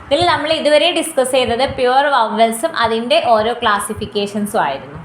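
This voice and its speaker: A woman with a Malayali accent, teaching a phonetics lesson slowly and repeating example words, often checking the class understood. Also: a little high. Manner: slow and repetitive, asking "clear?" and repeating example words. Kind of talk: explaining a lesson in Malayalam with English terms. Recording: echoey room with faint background noise.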